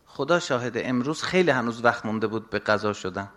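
A middle-aged man preaching a religious sermon, moving between soft, confiding asides and raised, urgent exhortation. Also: mid-range voice, expressive.

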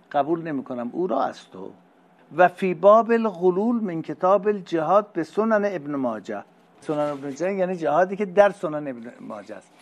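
A middle-aged male religious teacher who reads Arabic phrases slowly and then explains them in casual conversational speech. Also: fairly high pitch, dull audio. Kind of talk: lecture explaining Arabic hadith text.

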